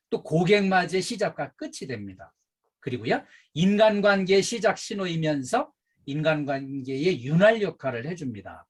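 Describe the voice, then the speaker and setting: A middle-aged man lectures at a staff training session in a lively, swooping voice that rises and falls with emphasis. His tone is somewhat husky, a little higher than most men's, and he leans on fillers as he explains. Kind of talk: safety and customer service training lecture.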